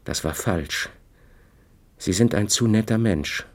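Reading an audiobook, a man voices a composed, reserved grown woman while barely shifting his own deep voice. His delivery is animated and slow, with a cold mood.

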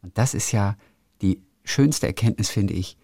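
A man's voice: lowish voice, a little slow, vocal fry, warm tone, slightly rough, no echo, studio quality. A man co-hosting a podcast, chatting and reading out a listener's message. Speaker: podcast co-host.

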